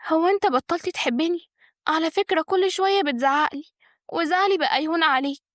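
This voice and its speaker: A woman's voice: high-pitched, quick pace, no room sound, studio quality, voice pushed up, close to an everyday voice. A woman voicing a scheming young wife with an Egyptian accent, sweet-talking and coaxing. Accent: Egyptian Arabic.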